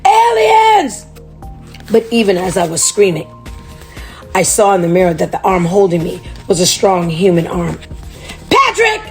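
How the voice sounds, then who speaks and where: A woman reading a chapter book aloud to children, chatty and animated. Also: fairly low pitch, normal speed, faint music behind.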